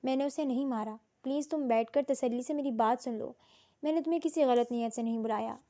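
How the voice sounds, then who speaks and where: A woman narrator voicing a domineering young man who speaks softly, mocks and threatens. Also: on the high side, lightly acted. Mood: menacing. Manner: calm, mocking, then roaring.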